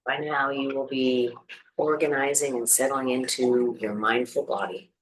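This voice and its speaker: The recording is low quality, but the meditation teacher's medium-pitched voice comes across as gentle and soothing. They guide the practice unhurriedly in a level tone, allowing space between instructions.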